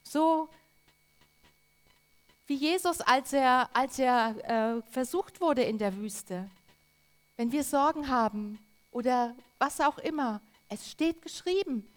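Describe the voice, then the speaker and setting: A woman preaching a sermon, earnest and emphatic, with drawn-out repetitions. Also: sits high, lively intonation.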